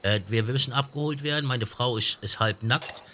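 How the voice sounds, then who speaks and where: A man's voice: mid-range voice, brisk, background noise. A man chatting in a game roleplay, joking and teasing bluntly. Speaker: streamer playing a roleplay character. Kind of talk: casual in-game roleplay chat.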